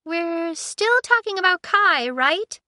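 An excitable female ship AI who gushes in a squeaky voice pitched far above the reader's own. A woman puts her on for a storybook reading. Her voice is bright and lively and recorded close. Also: takes it slowly, no room sound, heavily acted. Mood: gushing. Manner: squeaky, gushing.

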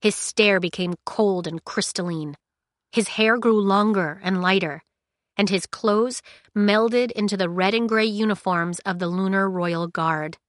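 Audiobook narrator: woman, medium pitch, measured and steady, dead-dry booth sound. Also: no echo.

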